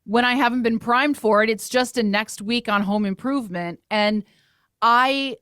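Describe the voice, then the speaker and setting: Animated woman with a bright, high voice. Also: clean tone, no room sound, clean studio sound. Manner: animated, laughing, quick bursts of words. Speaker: filmmaker guest. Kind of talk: casual chat.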